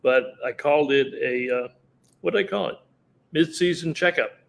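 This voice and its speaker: A man's voice: fairly high pitch, moderate pace, creaky. A man co-hosting a casual talk show, chatty and fond of wisecracks. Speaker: co-host. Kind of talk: casual chat. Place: on the road while traveling.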